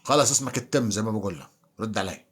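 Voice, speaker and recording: A man's voice: on the low side, lively intonation, very fast, breathy edge. A man hosting a casual live stream, bantering with and teasing his viewers. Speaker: livestream host.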